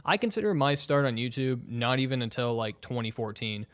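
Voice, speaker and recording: A young man talks through his thoughts in a loose, rambling way and laughs often. His voice sits at an average pitch. It is recorded dry, with little room sound. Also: animated, fairly quick, fairly bright tone, clear, resonant tone, no echo. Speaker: podcast co-host. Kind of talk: casual podcast chat.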